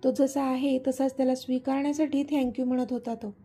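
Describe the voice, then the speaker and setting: A woman's voice: sits high, flat delivery, brisk. A woman narrating a serialized love story as a storyteller, reading every part in her own voice with only light changes. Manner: reads all parts in her own voice, lightly varied. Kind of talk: scripted story narration with character dialogue. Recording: soft background music.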